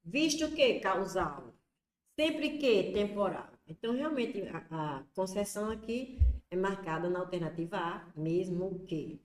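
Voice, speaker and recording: A Brazilian woman teaching an exam prep class in a voice of ordinary pitch for a woman. She walks through each point step by step and puts questions to herself before answering them. The room gives her voice a clear echo. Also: animated, unhurried. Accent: Brazilian Portuguese.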